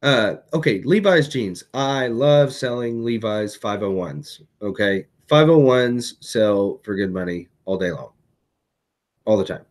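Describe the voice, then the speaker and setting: A man's voice: fairly low pitch, lively intonation, a little slow. A tired man hosting a casual vlog, chatting through items he resold, with lots of fillers and restarts. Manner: chatty, many fillers and self-corrections. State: tired, hiccuping late at night. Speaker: eBay reseller vlogger.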